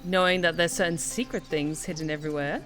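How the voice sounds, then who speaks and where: A chatty, expressive woman giving casual live commentary as she plays a game. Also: fairly low pitch, quick pace. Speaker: game streamer and author. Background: game music.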